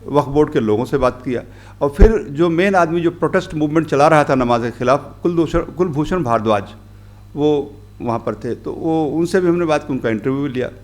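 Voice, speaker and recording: In a conference hall, a middle-aged journalist delivers a workshop lecture, rambling through his points with many pauses and mixing in English phrases. His voice is on the high side with a darkish tone.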